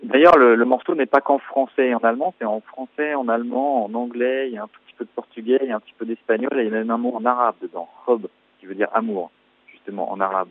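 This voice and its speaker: Fast-talking French man on a tinny line. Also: mid-range voice, fairly even intonation, no room sound. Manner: thoughtful, explanatory, hesitant with frequent fillers. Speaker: musician guest. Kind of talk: radio interview answers. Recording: tinny phone-like line, dry.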